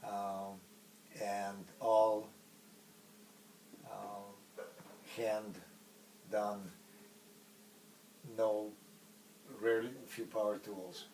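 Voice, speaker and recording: A middle-aged man from Poland with a Polish accent, a native Polish speaker, recalling his past in a casual interview in a halting way with many pauses. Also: lowish voice, level tone, a little mellow, far from the mic, a little hiss or hum, low-quality recording. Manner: halting, pausing often mid-phrase.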